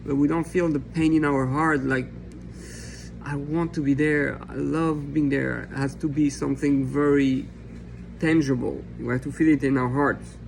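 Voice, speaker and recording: A man's voice: fairly high pitch, fairly even intonation, moderate pace, vocal fry, a little hiss or hum, rough recording. A man raised in France teaching a Torah lesson as a rabbi, reading a text aloud and explaining it in an earnest, impassioned way. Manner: earnest and impassioned, acting out imagined questions and answers.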